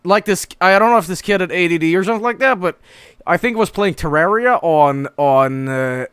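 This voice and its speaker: A man's voice: high voice, animated, brisk, fairly bright tone, smooth, no echo, clean studio sound. A young man streamer telling a story casually to his viewers, exasperated and swearing, acting out his own panicked lines. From Sweden.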